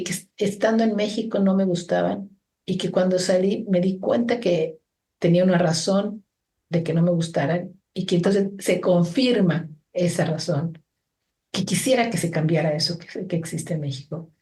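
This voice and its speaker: Middle-aged Mexican woman, interview guest, low mellow voice, thoughtful and halting. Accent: Mexican Spanish. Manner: thoughtful, many restarts and fillers. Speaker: guest, organization founder. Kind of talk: reflective interview conversation.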